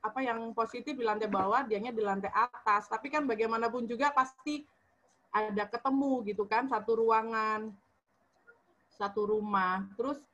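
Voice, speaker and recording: A woman's voice: fairly high pitch, fairly even intonation, moderate pace, fairly bright tone, muffled recording. A woman on a video call telling a personal story in casual talk, with many fillers and restarts, acting out the dialogue she quotes. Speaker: church member sharing a testimony.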